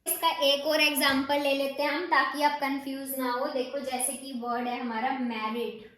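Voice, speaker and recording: Woman, steno teacher, high pitch, rhetorical questions, casual explaining, echoey room. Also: little pitch movement, moderate pace, fairly bright tone. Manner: repeats rhetorical questions to students.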